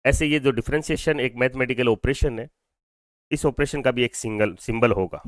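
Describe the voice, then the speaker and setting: A man teaching a physics lesson in a dry, close-sounding voice of middle pitch. He moves between Hindi and English, poses questions to his students and then answers them himself. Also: normal speed, no room sound. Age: adult over twenty-two. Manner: explains step by step, asking and answering his own questions; mixes Hindi with English phrases. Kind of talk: classroom lecture.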